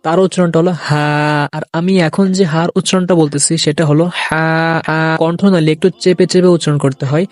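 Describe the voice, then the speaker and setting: Man teaching Arabic letters, slightly high voice. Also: steady tone, darkish tone, no room sound, clean studio sound. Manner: repeats each letter slowly and firmly for learners to copy. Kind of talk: instructional video lesson.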